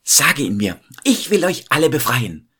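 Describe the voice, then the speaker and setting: A man voicing a kind, brave young princess in a told fairy tale, speaking higher and louder than his own voice. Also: animated, a little slow, slight background noise, close to an everyday voice. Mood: eager.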